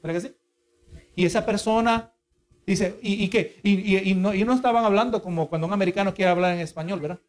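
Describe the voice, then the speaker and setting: Preaching at a brisk clip, this man has a voice that sits high. His sermon is earnest and explanatory, peppered with repeated restarts and requests for the congregation's agreement.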